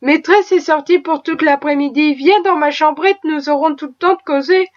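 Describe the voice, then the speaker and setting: A woman's voice: high-pitched, normal speed, close to an everyday voice. A woman reading an audiobook, voicing a loving, anxious young wife in a tender, pleading way. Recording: dull lo-fi recording.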